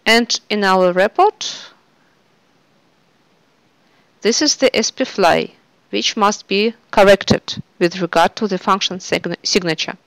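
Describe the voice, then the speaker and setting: A woman narrating a software screencast tutorial in a steady instructional way. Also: medium pitch, measured pace, no room sound, poor audio.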